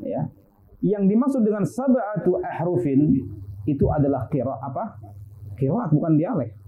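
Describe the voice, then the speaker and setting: A man's voice: a little high, sing-song, moderate pace. Man teaching over a tinny line. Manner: casual explanatory, many fillers and rhetorical questions. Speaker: Islamic studies teacher. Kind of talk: religious lecture on Quran sciences.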